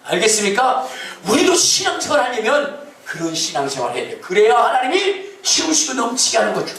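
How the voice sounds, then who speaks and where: Animated pastor preaching in an echoey church. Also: male voice, very high-pitched, brisk, slight background noise. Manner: animated, teasing the congregation with questions and mock voices. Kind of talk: lively Sunday sermon with acted-out quotes. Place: church sanctuary. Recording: echoey church hall, mic at a distance.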